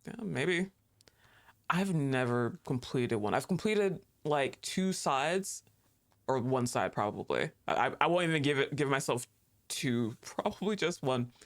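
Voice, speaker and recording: The streamer's voice is medium-pitched, expressive and a little slow. Chatting casually during gameplay, they laugh often, talk back at the screen, and think aloud with fillers and restarts.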